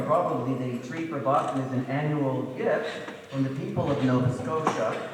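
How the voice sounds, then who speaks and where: A man making introductions as the announcer at a public competition. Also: medium pitch. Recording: echoey hall, distant mic, noisy crowd.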